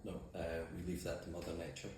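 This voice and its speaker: A man's voice: low voice, steady tone, fast talker, darkish tone. A man with a Shetland accent answering interview questions in an understated, matter-of-fact way. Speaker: mussel farmer and boat skipper. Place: indoors in an office. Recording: very echoey room, faint noise.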